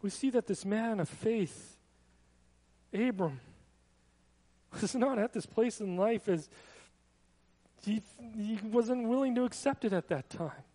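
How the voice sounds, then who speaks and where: Male pastor, very high voice, earnest conversational sermon, long hall reverb. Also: animated, slow, long pauses, dark tone. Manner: earnest, conversational preaching with personal asides.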